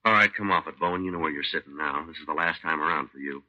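An actor playing a tough, terse American police detective who also narrates in a deadpan, matter-of-fact way, in 1950s radio drama style. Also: male voice, extremely low pitch, fast, muffled recording. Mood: stern, fed up.

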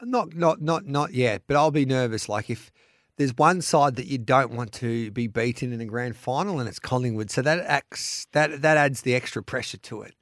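A man's voice: medium pitch, moderate pace, a bit bright, dry recording, clean studio sound. A man with an Australian accent hosting a casual sports betting chat. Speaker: podcast host.

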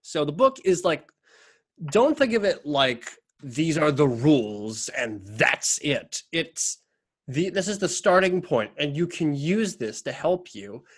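A man's voice: fairly high pitch, very animated, slow, husky. A man in casual chat, explaining things in a rambling way with many fillers.

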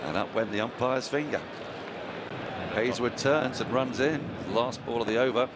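A man giving live cricket commentary as a commentator, describing each ball and building to excited exclamations. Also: medium pitch, moderate pace. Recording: outdoor ground with loud crowd noise. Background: loud cricket crowd.

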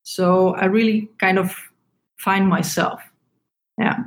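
A woman's voice: mid-range voice, fairly even intonation, slight background noise. A woman from Slovenia in her thirties speaks as an interview guest. She hesitates and restarts, searching for her words as she goes. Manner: halting, searching for words, non-native English. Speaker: guest, tennis coach. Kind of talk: casual interview talk.

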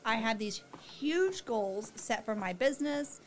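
Woman w a higher voice just chatting w a friend, giggly, bit of background noise. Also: lively intonation, measured pace. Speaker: co-host of a chat. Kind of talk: casual chat with a friend.

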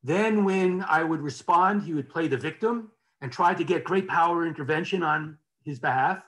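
A man with a slightly raised pitch lecturing in an easy, conversational way. He restarts phrases often and checks in with his listeners now and then. It sounds like a talk given alongside slides. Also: normal speed, fairly bright tone.

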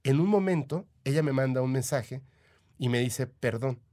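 Mexican guy chatting on a podcast, tells his stories eagerly, lots of fillers, mid-pitched voice. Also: moderate pace, warm tone. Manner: chatty, eager, full of "o sea" and "este" fillers. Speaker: podcast guest, paranormal podcaster. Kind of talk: casual storytelling.

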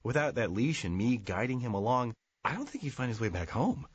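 A man's voice: mid-range voice, expressive, fairly quick, slightly rough. A man voicing a cheerful, newly adopted shelter dog who talks fondly about his new owner. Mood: fond, amused.

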